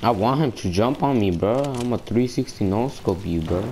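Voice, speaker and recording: A young man talks through his gameplay with a friend, swearing freely and trash talking in slang. His voice sits low but leaps around with lively swings. It feels like a loose, casual recording made for his video channel. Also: normal speed, a little hiss or hum. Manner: excitable, swears a lot, slangy trash talk. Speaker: gameplay YouTuber.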